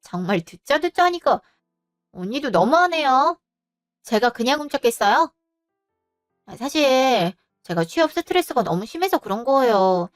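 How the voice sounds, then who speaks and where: A spoiled young sister-in-law whines and sulks defensively, played by a woman. The voice is high and bright with a dry close sound, and music sits faintly under it. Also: sing-song, moderate pace, dry recording. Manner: whiny, sulky and defensive.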